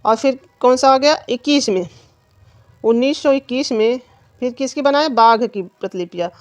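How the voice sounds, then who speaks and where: A woman's voice: a little high, moderate pace, no echo. A woman teacher giving an exam-prep lesson, asking questions and answering them herself. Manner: repetitive quizzing, asks and answers own questions.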